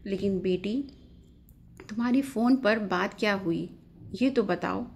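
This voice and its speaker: A woman's voice: mid-range voice, unhurried, lightly acted. A woman voicing a middle-aged mother who speaks in a soothing but firm way.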